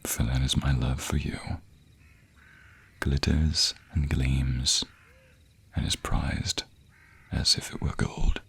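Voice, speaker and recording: In a romantic audio roleplay, a man plays a devoted, protective vampire boyfriend, addressing the listener intimately in ornate, old-fashioned phrases close to a binaural mic. His low, husky, breathy voice often drops to a whisper, sounding a bit bright, level in tone, slow, and earnest, with long pauses and heavy acting.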